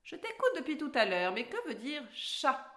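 A woman's voice: high-pitched, very animated, moderate pace, bright, forceful tone, reverberant, voice pushed up, exaggerated voice. A woman voicing a proud, bossy talking cat in a storybook reading, scolding and haughty.

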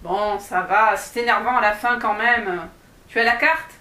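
A woman's voice: medium pitch, unhurried, pushed and bright. A woman voicing a grumpy, easily startled male dwarf who grumbles impatiently, recorded in an echoey room. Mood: grumbling.

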